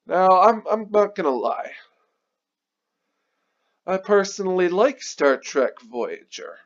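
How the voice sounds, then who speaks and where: A man's voice: high-pitched, sing-song, takes it slowly. A man giving an angry, sweary movie review, repeating himself as he rants. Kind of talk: ranting video review. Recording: dull lo-fi recording.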